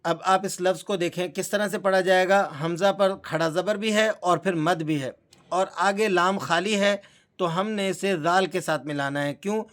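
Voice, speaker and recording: A man's voice: high voice, fairly bright tone. A man teaching Quran recitation step by step in Pakistani-accented Urdu, explaining patiently and drawing out the recited examples.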